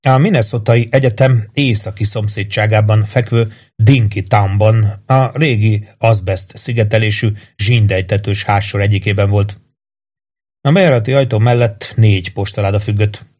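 Male narrator, low voice, measured audiobook reading. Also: steady tone, darkish tone. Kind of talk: scripted narration.

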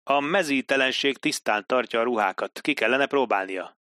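A man's voice: mid-range voice, bright, forceful tone, no room sound, clean studio sound, close to an everyday voice. A man doing a haughty, mocking army captain. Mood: sardonic. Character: pompous, sardonic male British army captain.

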